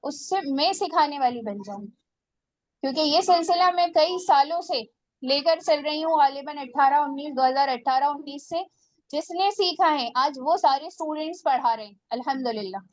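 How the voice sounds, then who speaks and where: A woman's voice: sits high, lo-fi sound. A woman teaching a religious class on Quran recitation, earnest and exhorting her students.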